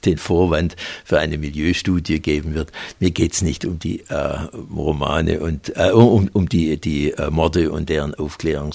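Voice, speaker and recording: Older male author, very deep and gravelly, halting with fillers when speaking freely. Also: a little mellow. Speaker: author reading from his novel. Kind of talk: reading aloud and interview talk.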